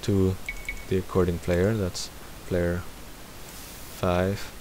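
A man hosts a game tutorial, thinking aloud in casual commentary as he works. His voice is low and level, and he takes it slowly, with faint background hiss in the recording.

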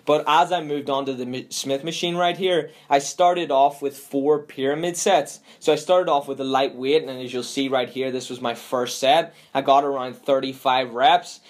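A young man talks through his day in a relaxed, casual vlog style, swearing freely. His pitch sits mid-range for a man. It is recorded on a simple camera mic. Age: young adult. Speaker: fitness vlogger. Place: gym, parked car, home kitchen.

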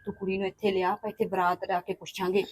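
Woman doing a quick-talking worried sister, argues fast, scolds a lot. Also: medium pitch, little pitch movement, slight background noise, lightly acted. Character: worried adult daughter, sharp-tongued with her brother. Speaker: daughter and sister. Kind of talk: scripted family drama acting.

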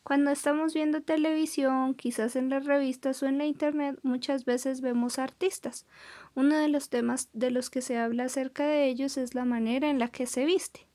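A young woman teaching an English vocabulary lesson, modelling each word's pronunciation slowly and clearly, switching between English and Spanish. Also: high voice, fairly even intonation, dark tone. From Colombia. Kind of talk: recorded classroom lesson.

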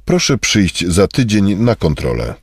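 A man with a very low, husky voice reads short phrases one after another. His pitch moves a lot, and the recording is close and dry. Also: no echo. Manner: measured, even delivery of short phrases. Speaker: Polish phrase reader. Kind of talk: scripted phrase reading.

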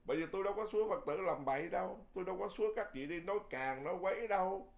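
A man who is a Buddhist monk, giving a Dharma sermon in a lively, folksy way, often repeating words and chuckling. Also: high voice, very fast, vocal fry.

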